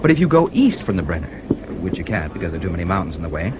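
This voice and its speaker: Rapid-fire and very animated, a deep male voice with an American accent plays a confident, genial American newspaperman in a radio drama. He explains matters in a breezy, self-assured way while clear background noise sits behind the radio play.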